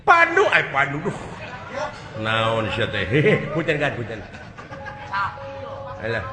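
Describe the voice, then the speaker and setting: A man voicing a cheeky, quick-tempered clown in comic puppet theatre, with coarse, mocking, excitable delivery. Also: mid-range voice. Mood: excitable teasing. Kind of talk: comic wayang golek puppet acting. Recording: echoey hall, music behind.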